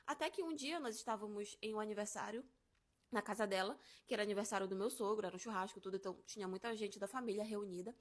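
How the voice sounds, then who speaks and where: A young woman casually telling a personal story, animated and acting out the quotes. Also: medium pitch, fast.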